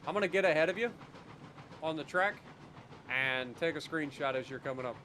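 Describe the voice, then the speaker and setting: A man's voice: fairly high pitch, fairly quick, sharp tone, slight background noise. A man streaming a train game, chatting casually and swearing now and then. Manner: laid-back, swears casually. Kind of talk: casual gameplay chat.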